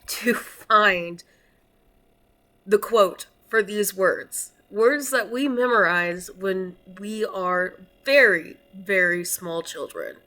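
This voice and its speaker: A woman's voice: medium pitch, sharp tone. A tired woman with a Texan accent, rambling casually through a book vlog and laughing often. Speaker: vlogger reviewing a book. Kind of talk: casual talking-head chat.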